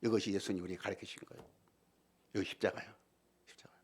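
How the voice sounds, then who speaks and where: A middle-aged man preaching a Sunday sermon as pastor in a church sanctuary, emphatic, repeating key phrases and swinging from loud outbursts to near-whispers. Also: sits low, fairly even intonation, quick pace, husky.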